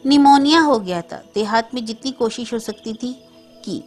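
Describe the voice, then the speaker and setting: A stern, worn-out widower speaks of his loss with weight in every phrase, as a woman reader voices him. Her voice stays fairly high. Faint music plays in the background. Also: normal speed, darkish tone, close to an everyday voice. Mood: weary. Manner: heavy, burdened. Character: grieving widowed older brother, stern and weary.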